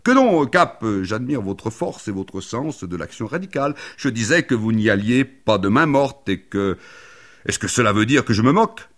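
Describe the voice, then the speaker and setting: A man's voice: medium pitch, normal speed, voice pushed up. A man voicing a fussy, overly polite male doctor who talks in a raised, flustered voice. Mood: placating. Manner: raised, flustered, placating, then excited shouting.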